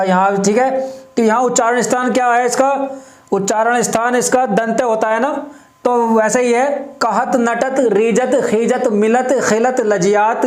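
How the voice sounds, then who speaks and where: Guy teaching grammar real slow, keeps repeating the examples, sounds like an echoey room. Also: very high-pitched. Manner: repeats terms and examples slowly, checks in with "ठीक है". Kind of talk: explanatory classroom lesson.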